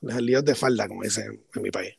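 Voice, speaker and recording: A man's voice: lowish voice, brisk, vocal fry, darkish tone, slightly rough, no room sound, clean studio sound. A man co-hosting a podcast, reasoning through ideas in long, reflective casual talk. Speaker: podcast co-host. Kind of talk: casual philosophical discussion.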